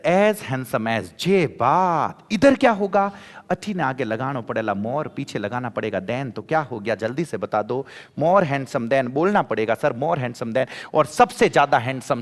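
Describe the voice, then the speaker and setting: A male teacher with a Rajasthani accent runs an exam-prep grammar lecture at a middle pitch. He voices his students' questions and answers each one himself, repeating every point in a drilling rhythm. His voice carries a long reverb, as in a large hall.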